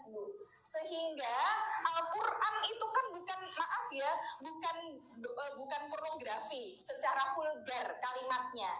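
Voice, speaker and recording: A woman's voice: extremely high pitch, bright, forceful tone. A Javanese woman in her thirties giving an Islamic study lecture to women, chatty and often asking her listeners for agreement. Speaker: religious teacher. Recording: echoey room with clear noise.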